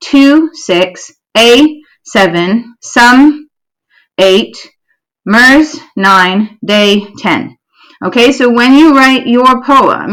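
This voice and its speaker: A woman teacher giving a recorded poetry lesson to pupils, explaining clearly and patiently, often checking in with "okay?" and reading verse slowly. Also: medium pitch, a bit bright, low-quality recording. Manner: reads verse slowly, stressing syllables.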